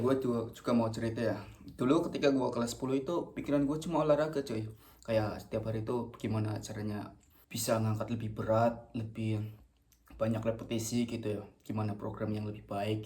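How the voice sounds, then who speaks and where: A man in his late teens with an Indonesian accent chats casually to camera while eating, rambling and halting, sometimes with his mouth full. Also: fairly low pitch, level tone, darkish tone. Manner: rambling, halting, slangy, self-correcting; talking between bites, sometimes with mouth full. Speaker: vlogger.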